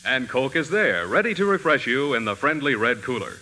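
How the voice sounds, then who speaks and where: Casting: a man as a smooth old-time radio announcer, bright tone, reverberant hall. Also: medium pitch, very animated, a little fast. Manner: smooth, polished announcer delivery. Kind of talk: scripted radio commercial.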